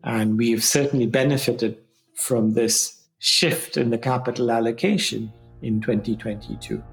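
A man's voice: mid-range voice, steady tone, normal speed, creaky, faint music behind. A man speaking as an expert guest, explaining in an interview style.

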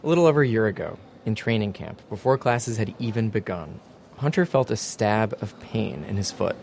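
Gravelly low-voiced male documentary narrator. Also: lively intonation, brisk, a little mellow, slight background noise. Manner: dry, wry storytelling. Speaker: podcast host and reporter.

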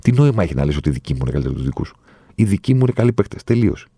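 A man's voice: low-pitched, big pitch swings, dark tone, breathy edge, no echo. A middle-aged man hosting a podcast, delivering a reflective, emphatic solo monologue and repeating phrases to drive his points home. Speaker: podcast host.

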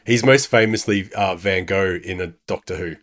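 A man's voice: sits low, normal speed, a bit bright. A man co-hosting a podcast, telling rambling self-deprecating stories in casual chat. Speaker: podcast co-host.

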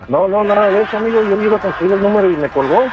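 A man answering a work phone in a courteous, customer-service tone, holding firm when pushed. His voice is high and fast. The call sounds muffled, with music playing clearly underneath. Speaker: prank call target, butcher shop worker.

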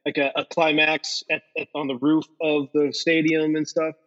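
Higher-voiced man in an echoey room. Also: flat delivery, normal speed, a bit bright. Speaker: podcast co-host. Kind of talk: casual movie-list chat. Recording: dull lo-fi recording in a reverberant room.

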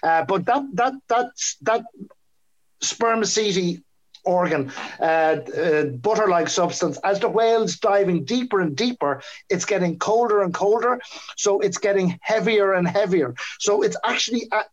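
A man's voice: high-pitched, lively intonation, a little slow, dull audio. An Irish man, a guest expert, explaining things conversationally in an interview, often repeating words as he finds his phrasing. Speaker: guest expert on whales and dolphins.

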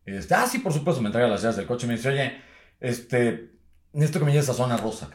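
A man's voice: mid-range voice, animated, fairly quick, echoey room. A Mexican man, a business owner, telling stories with crude slang in a casual podcast chat. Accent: Mexican Spanish. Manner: storytelling with crude slang, acts out drunk clients. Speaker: guest, owner of designated-driver service.

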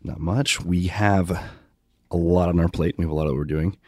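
A man's voice: deep voice, steady tone, moderate pace, darkish tone, dry recording, studio quality. A man co-hosting a podcast in casual chat, with a nasal voice congested from a cold. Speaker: podcast co-host.

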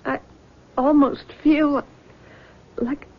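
A woman acting a high-voiced, fragile young daughter. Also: steady tone, extremely slow, muffled recording. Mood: anxious. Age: young adult. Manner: hesitant, pleading, timid. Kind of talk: scripted drama acting.

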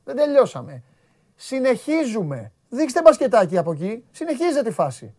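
High, lively man hosting with teasing. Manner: teasing, bossy, directs the crew. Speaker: sports show host. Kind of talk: playful studio banter.

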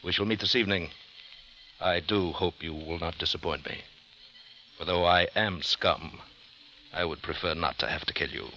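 An actor playing a suave, cold-blooded hired killer in an old radio drama, with formal, mannered diction and a silky, menacing delivery. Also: male voice, sits low, fairly even intonation, moderate pace, long pauses, bright, forceful tone, a little hiss or hum, rough recording. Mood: silky, mocking. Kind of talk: 1950s radio drama acting.

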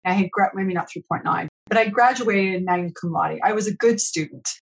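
Heard over poor audio, this middle-aged woman from California speaks fairly quickly in a mid-range voice with noticeable vocal fry. She's a podcast guest reflecting earnestly on her life, telling stories in an interview.

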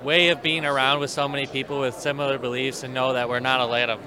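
Young man from Minnesota, quick rambling answers, loud crowd behind. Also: mid-range voice, little pitch movement. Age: young adult. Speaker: interviewee. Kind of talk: casual interview answers.

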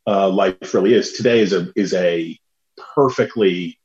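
A man's voice: sits low, unhurried, darkish tone. A man co-hosting a podcast from home in casual chat, his voice sounding as if he is inside a tin can, chatty with fillers and restarts. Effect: sounds like talking inside a tin can. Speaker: podcast co-host. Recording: dull lo-fi remote line, tinny.

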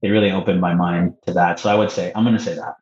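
A man's voice: deep voice, steady tone, fast talker, darkish tone. A Canadian man who is a podcast guest, talking in a hesitant, thoughtful way with many ums. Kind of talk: casual interview chat. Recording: echoey muffled remote audio.

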